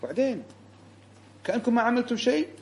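A man giving a religious lesson, indignant and emphatic, climbing high when he stresses a point. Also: fast. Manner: animated and indignant, rising sharply for emphasis. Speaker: Islamic scholar giving a lesson. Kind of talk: religious lecture commentary.

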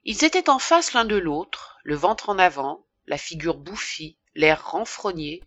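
A woman narrating a classic novel as an audiobook in a measured, even reading. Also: on the low side, no room sound, dull audio. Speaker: audiobook reader.

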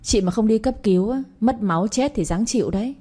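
A woman's voice: mid-range voice, a little fast, mellow, slightly rough, voice pushed up, close to an everyday voice. A woman reading a brusque male cop. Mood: scolding. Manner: brusque, barking orders. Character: gruff impatient male police officer. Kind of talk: audiobook reading.

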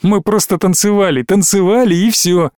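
A man's voice: high-pitched, moderate pace, a little mellow, no echo, clean studio sound, pitched above the performer's own voice, close to an everyday voice. A man reading an audiobook, voicing a drunk, angry teenage boy who hisses with scorn. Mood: scornful. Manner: scornful, hissing.

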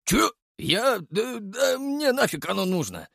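A man's voice: sits high, big pitch swings, unhurried, gravelly, fairly bright tone, no echo, voice pushed up, exaggerated voice. A coarse, lecherous army sergeant-major grumbles and swears, his voice swinging up and down, as a man reading an audiobook puts him on. His talk is sly and crude. The sound is dry and close.

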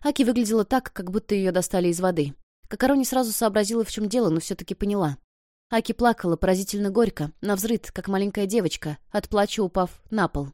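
A woman narrating an audiobook in an expressive, emotional reading. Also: medium pitch, quick pace, no echo, studio quality. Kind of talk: scripted narration.

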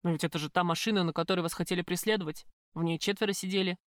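A woman voicing a startled male taxi driver who speaks quickly and plainly, in a dry audiobook reading. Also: on the low side, fairly even intonation, no echo, natural voice. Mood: flustered.

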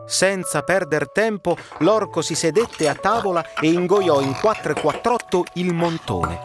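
A man narrating a fairy tale, expressive and dramatic. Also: fairly high pitch, unhurried. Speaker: storyteller. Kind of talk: storybook narration. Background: background music.

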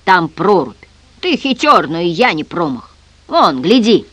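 Reader voicing a hoarse crazed man, panting, muttering, fanatical, audiobook, lively swings in pitch. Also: a little slow, dry recording. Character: deranged hoarse middle-aged man, fanatical.

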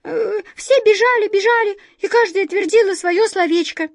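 A woman voicing tiny, fussy, flustered mice who squeak their words out in a hurry in a storybook reading. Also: no room sound, studio quality. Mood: squeaky excited. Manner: squeaky, hurried, excited.

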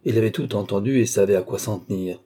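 Man, audiobook narration, even literary reading, dark, husky. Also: fairly low pitch, fast talker. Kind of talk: novel reading.

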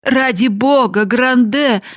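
A frail, sick older mother cries out in a slow, husky voice, as a woman reader puts her on. The recording is dry and close. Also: lowish voice, darkish tone, no room sound. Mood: frantic. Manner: crying out.

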